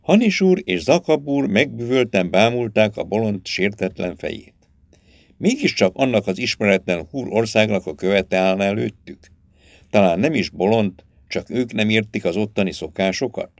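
A man narrating an audiobook in an expressive, dramatic storytelling manner. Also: on the low side, dry recording.

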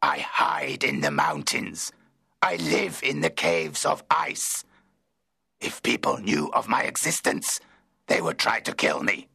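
Lonely audiobook monster, very gravelly, slow, bitter, pleading, menacing. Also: male voice, medium pitch, big pitch swings, sharp tone, dry recording, studio quality, exaggerated voice. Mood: despairing. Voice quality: gravelly, rasping. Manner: slow, heavy, emotional pleading. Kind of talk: dramatised literary audiobook.

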